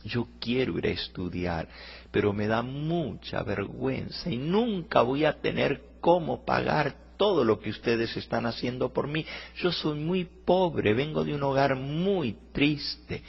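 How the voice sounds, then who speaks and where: A man voicing a poor young girl who pleads through sobs in a high, strained voice. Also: expressive, measured pace, gravelly, husky, heavily acted. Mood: tearful. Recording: muffled lo-fi recording.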